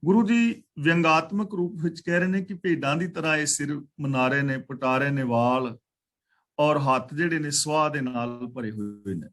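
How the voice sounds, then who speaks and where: A man teaching a religious scripture class, reciting verses slowly and then explaining each word and how to pronounce it. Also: fairly high pitch, fairly bright tone. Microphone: online class call.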